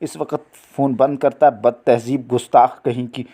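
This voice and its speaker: A man's voice: medium pitch, fairly even intonation, moderate pace, mellow, pitched below the performer's own voice, natural voice. Irritable, ailing middle-aged husband, read by a man, groaning and grumbling.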